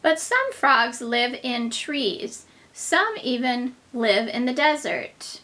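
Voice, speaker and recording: A woman's voice: a little high, big pitch swings, takes it slowly, sharp tone. A woman reading a children's book aloud as a teacher to very young children, with simple explanations, questions and asides, as if reading to a toddler. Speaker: kindergarten teacher.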